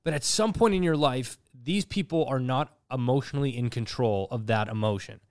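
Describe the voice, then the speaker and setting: A man's voice: medium pitch, normal speed, no room sound, clean studio sound. A man co-hosting a podcast, telling a story in an earnest, reflective way. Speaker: podcast co-host. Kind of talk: casual chat.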